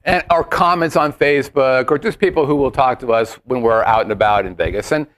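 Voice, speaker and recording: A man's voice: medium pitch, a little fast, fairly bright tone. A man co-hosting a talk show in casual, conversational banter.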